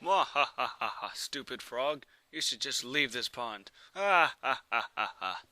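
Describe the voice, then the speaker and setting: Man as a menacing, forceful catfish villain. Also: mid-range voice, expressive, unhurried, no room sound. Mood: gloating menace. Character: evil gloating male catfish villain, lazy and menacing.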